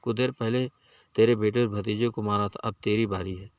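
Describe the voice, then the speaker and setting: A man's voice: fairly low pitch, steady tone, normal speed, no room sound, lightly acted. Man voicing an angry skinny village barber. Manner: angry muttering, threatening. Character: skinny timid village barber turned enraged strongman.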